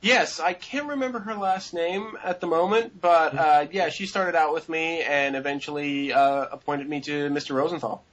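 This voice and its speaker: A man's voice: a little high, steady tone, normal speed, few pauses, fairly bright tone, poor audio. A man in his twenties answering interview questions in a rambling way, with many fillers and restarts.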